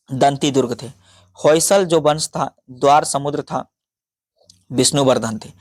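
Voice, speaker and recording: Male tutor, slightly high voice, dry close sound, exam notes read with stumbles. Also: no room sound. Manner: halting, stumbles over names and restarts, frequent sorry. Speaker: teacher.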